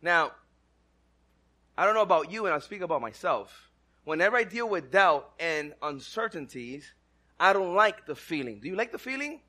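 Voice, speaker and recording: This Dominican preacher's voice sits high and sharp, very animated at a moderate pace, his English carrying a Dominican Spanish accent. Chatting through his sermon, he throws questions at the crowd and uses self-deprecating humor.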